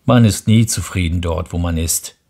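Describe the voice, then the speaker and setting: A man's voice: sits low, moderate pace, mellow. A man doing a weary railway switchman. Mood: matter-of-fact.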